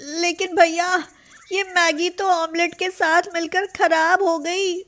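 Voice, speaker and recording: A woman voicing a meek, mistreated younger sister, plaintive and hesitant, in an animated moral story. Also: very high-pitched, takes it slowly, heavily acted. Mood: dismayed.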